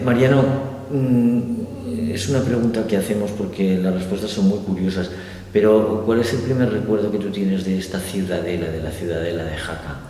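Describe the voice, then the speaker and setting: A man hosting an interview, opening with a measured, formal introduction before his first question. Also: low-pitched, mellow, roomy sound. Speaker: interviewer and host. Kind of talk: scripted introduction then interview.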